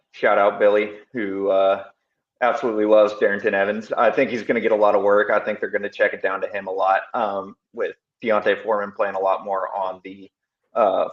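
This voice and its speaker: A man joining a fantasy football chat over a video call, relaxed and full of ums. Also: on the low side. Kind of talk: casual sports advice chat. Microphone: remote video call. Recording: dull roomy video call audio.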